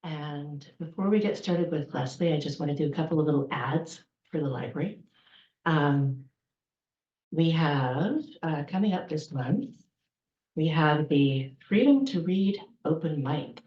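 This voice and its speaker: In a library event room, a woman who works as the host and outreach coordinator welcomes the public, chatting informally through announcements and tossing in jokes. Her low voice is expressive and measured. The live room recording sounds roomy and slightly muffled.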